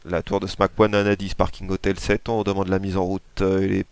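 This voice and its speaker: A man's voice: deep voice, monotone, brisk, smooth, no echo. A man voicing a male pilot in the cockpit, reading clipped radio calls to the control tower. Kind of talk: flight sim radio phraseology practice.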